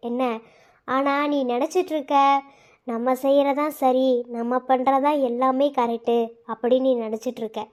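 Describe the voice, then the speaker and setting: A woman's voice: sits high, fairly even intonation, moderate pace, darkish tone, natural voice. A woman voicing a blunt young man in a cartoon who lectures the other character. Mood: lecturing. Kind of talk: cartoon voice acting.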